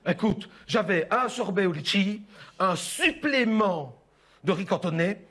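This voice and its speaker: On stage, a man voices a chatty middle-aged Belgian French mother who airs her grievances, sprinkling in "hein" and "écoute bien." His exaggerated voice is high and bright, with lively, unhurried intonation, as she confides like a neighbour over the fence in this stand-up character monologue.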